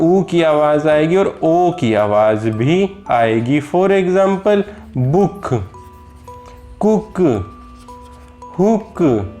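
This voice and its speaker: An Indian man teaches in an unhurried, deliberate way, saying each example word again and again and gently addressing his listeners as children. His voice sits a little high for a man, and faint instrumental music plays underneath. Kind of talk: slow explanatory lesson.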